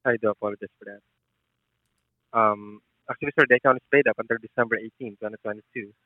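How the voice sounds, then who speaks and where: A man's voice: on the low side, fairly even intonation, fast, no room sound. A man working as a customer service agent on a call, polite and deferential. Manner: polite, deferential, often says sir. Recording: thin narrow phone line.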